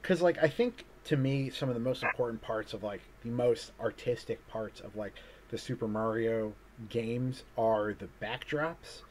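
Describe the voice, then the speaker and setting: A man's voice: medium pitch, a little slow, few pauses. A man, an artist, chatting casually over a video call, rambling and hesitant with lots of fillers and restarts. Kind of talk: casual conversation.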